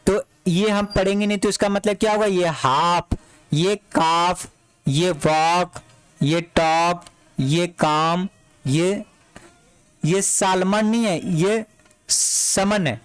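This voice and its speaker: A man teaches a lesson in a high, smooth voice. He repeats each word again and again and asks his students to say it back. The sound is dry and close, with no room echo. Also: slow, faint music behind. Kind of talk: classroom lesson.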